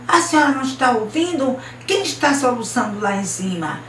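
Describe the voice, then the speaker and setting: A woman's voice: fairly high pitch, sing-song, fairly quick, fairly bright tone, a little hiss or hum, pitched above the performer's own voice. A woman voicing an anxious, insistent young woman who pleads and demands answers. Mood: worried. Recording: roomy, distant mic, faint ambience.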